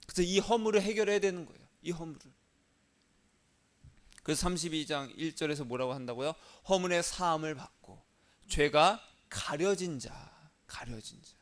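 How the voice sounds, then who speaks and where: A man's voice: on the high side, moderate pace. A male pastor giving a sermon in a conversational way, asking rhetorical questions and acting out inner thoughts.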